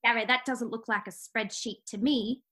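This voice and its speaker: A woman's voice: on the high side, steady tone, normal speed, bright, forceful tone. A woman improvising a fed-up, scolding English wife in her mid-forties, with an English accent. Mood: indignant. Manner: scolding, sarcastic. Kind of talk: improvised comedy sketch.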